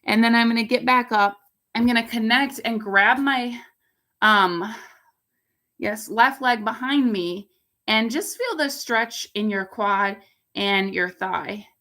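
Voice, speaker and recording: A woman yoga instructor guiding a home yoga class in a relaxed way, with a raspy voice and pollen congestion. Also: fairly high pitch, takes it slowly. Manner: relaxed, cueing poses with fillers. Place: home under construction. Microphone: laptop camera.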